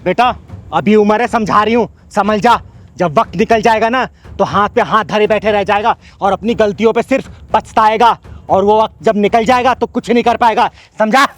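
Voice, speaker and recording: A man's voice: high voice, moderate pace, close to an everyday voice. A man playing a fierce, street-tough transgender woman who scolds and lectures in a sketch drama. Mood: scolding. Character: fierce bold transgender woman enforcer, Chingari. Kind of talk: Rajasthani comedy sketch drama.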